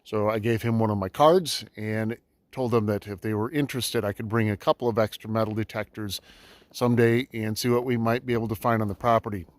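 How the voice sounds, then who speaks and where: A man's voice: fairly low pitch, fairly even intonation, a little fast, dry recording. A man narrating a casual outdoor vlog in snowy woods, easygoing and full of ums and uhs, talking to a camera set up on the trail. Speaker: metal detecting vlogger.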